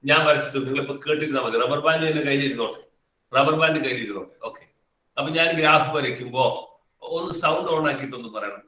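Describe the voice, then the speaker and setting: A man's voice: a little high, sharp tone. Man, physics teacher, live online class, calls on students, repeats key phrases, echoey room, distant mic. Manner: calls on students by name and coaxes answers.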